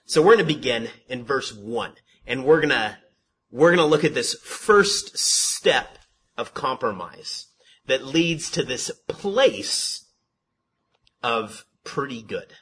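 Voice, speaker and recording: Taking it slowly in a husky, medium-pitched voice, a man teaches a Bible study as though giving a relaxed sermon. He asks rhetorical questions, restates himself, restarts words, and notes that his own voice is monotone.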